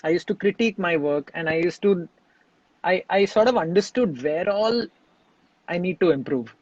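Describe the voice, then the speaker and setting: A man talks over his singing practice in a relaxed interview. He speaks in a reflective, halting way, restarting his sentences. The sound is dry and a little dull. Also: high voice, dry recording. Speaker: singer and composer, interview guest.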